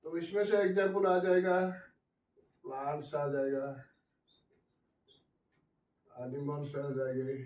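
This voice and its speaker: A man's voice: on the high side, steady tone, takes it slowly, pauses often, darkish tone. A man teaching a biology class in Hindi. He asks the students questions, answers them himself, and mixes in English science terms. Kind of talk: classroom lecture at a whiteboard. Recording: echoey room, voice from a distance.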